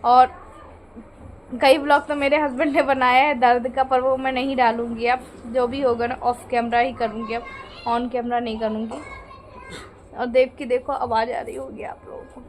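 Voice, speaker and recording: A woman's voice: on the high side, flat delivery, moderate pace. A young woman chatting casually on a home vlog, confiding and repeating herself, now and then cooing sing-song at a baby. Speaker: vlogger. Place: at home indoors. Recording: noisy home phone recording.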